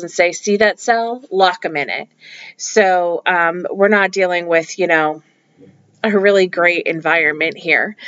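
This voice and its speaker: A woman's voice: on the low side, a bit bright, no room sound, muffled recording. A woman hosting a true-crime podcast, telling the story in a casual, opinionated way with frequent ums. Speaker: podcast host.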